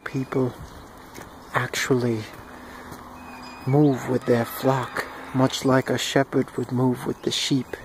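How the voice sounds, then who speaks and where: Outdoors in a yard with chickens and dogs, a man narrates a home video as a hushed mock wildlife documentary, with bird calls in the outdoor noise. His voice is medium-pitched and level, and he speaks slowly with long pauses.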